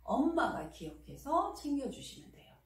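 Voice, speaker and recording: A middle-aged woman coaching parents on talking with their children, speaking gently and acting out little dialogues between mother and child. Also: sits high, very animated, normal speed. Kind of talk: parenting advice lecture. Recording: echoey room, mic at a distance.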